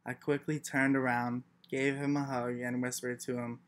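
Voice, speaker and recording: Young man reciting a flat monologue. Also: mid-range voice, normal speed. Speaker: student performer. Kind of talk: first-person monologue performance.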